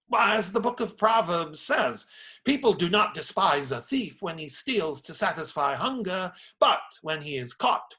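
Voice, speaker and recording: An actor playing a kindly, proper medieval friar in a radio play, measured, pious and a little fussy. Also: male voice, high voice, bright, forceful tone, heavily acted. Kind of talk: theatrical radio play acting.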